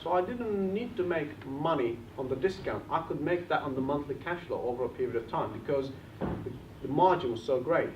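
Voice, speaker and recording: A man's voice: a little high, fairly quick. A man from Bulgaria with a Bulgarian accent, presenting at a live seminar and speaking straight to the audience with questions. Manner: animated, addresses the audience directly with questions. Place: meeting room with an audience. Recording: echoey room, distant mic, muffled, faint hiss.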